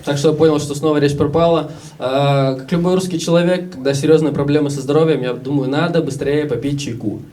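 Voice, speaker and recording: A man's voice: fairly high pitch, fairly even intonation, brisk, dark tone, recorded from a distance, slight background noise. A young Russian man in his twenties telling stories casually in a stand-up comedy set, acting out the voices of other people. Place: live comedy show with audience.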